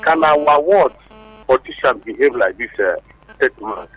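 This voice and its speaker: A man's voice: medium pitch, expressive, moderate pace. A man calling into a radio show over a phone line, speaking in rambling, flowery formal phrases full of fillers. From Nigeria. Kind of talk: call-in comment on a radio show. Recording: muffled phone line with hum.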